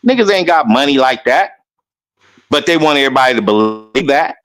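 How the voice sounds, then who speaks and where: A man in casual conversation, telling a rambling story and mimicking other people loudly as he goes. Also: medium pitch, lively intonation, brisk. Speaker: guest.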